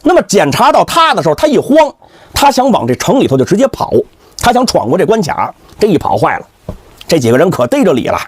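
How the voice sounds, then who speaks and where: A man performing traditional Chinese storytelling in a dramatic, animated way. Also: sits high, fast talker, slightly rough, no echo, clean studio sound. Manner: dramatic, animated, with vivid sound words.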